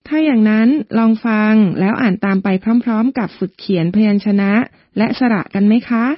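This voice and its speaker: A woman's voice: medium pitch, a little fast, dry recording, muffled recording. A woman teaching pronunciation in a polite, patient, step-by-step manner, reading a scripted lesson. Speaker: language teacher. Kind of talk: scripted instructional narration.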